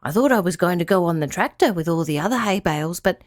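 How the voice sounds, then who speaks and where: A woman voicing a gentle, kind male hay bale character in a children's audio story, speaking softly and a little lower than her own voice. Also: expressive, fast talker, dry recording, clean studio sound, lightly acted.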